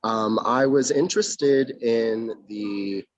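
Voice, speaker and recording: A man's voice: mid-range voice, slow, dry recording, poor audio. A young man from North Carolina, a mayoral candidate, answering interview questions formally over a video call from outdoors, with frequent ums. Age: young adult.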